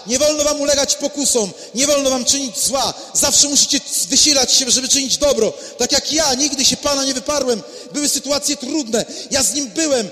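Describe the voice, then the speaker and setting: Priest putting on a smug preachy apostle guy, loud and high, bragging how strong he is, church echo. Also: normal speed, few pauses. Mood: boastful. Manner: boastful, lecturing, emphatic. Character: proud self-assured male apostle preaching strength.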